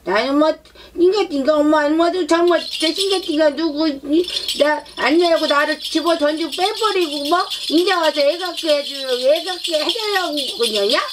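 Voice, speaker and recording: A petulant child spirit, pitched extremely high, whining and coaxing with endless little tag questions, as a woman shaman channels it. The spirit pouts and sulks, demanding gifts in a small, needy voice. Loud noise and a shaking rattle sit under the voice. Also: normal speed, natural voice. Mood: whiny pouting. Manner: whiny, pouting, coaxing with repeated tag questions. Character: sulky demanding child spirit, whiny and pouting.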